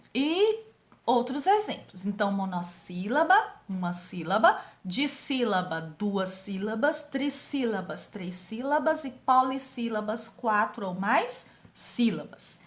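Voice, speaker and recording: A woman's voice: on the high side, fairly bright tone. A woman teacher with a Brazilian Portuguese accent, reviewing grammar for sixth graders and stretching out key words as she quizzes them. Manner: slow, drawn-out emphasis on key words, quizzing students.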